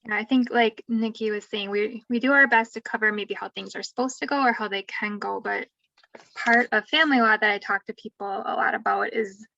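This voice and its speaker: A woman's voice: medium pitch, steady tone, fairly quick, creaky, sharp tone, no room sound. A woman who advocates in family law, explaining court steps in a conversational webinar style with frequent asides. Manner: conversational, thinks aloud with asides. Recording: distant dull lo-fi mic, dry.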